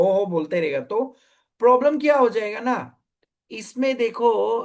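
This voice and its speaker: A man teaching a grammar lesson, mixing Hindi and English and often stopping to check that the class understands. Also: high voice. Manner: slow, explaining, spells out examples.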